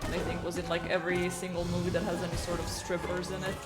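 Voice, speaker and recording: Rambling, hesitant man over loud game music. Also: high-pitched, completely flat delivery, fast talker. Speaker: co-host. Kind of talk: casual gaming stream chat. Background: loud video game music.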